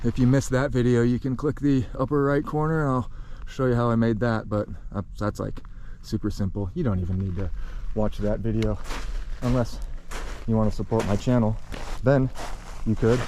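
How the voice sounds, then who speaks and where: A man's voice: mid-range voice, steady tone, normal speed, dark tone, a little hiss or hum. Breathless man rambling outdoors. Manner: rambling, self-correcting, offhand. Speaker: channel host. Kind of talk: casual outdoor walkthrough. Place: outdoors by a pond.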